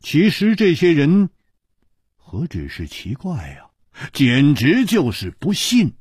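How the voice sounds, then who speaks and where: A man's voice: a little high, wildly swooping pitch, slow, darkish tone, husky, dry recording, clean studio sound, heavily acted. A man voicing a witty young swordsman hero with a wry, self-deprecating manner.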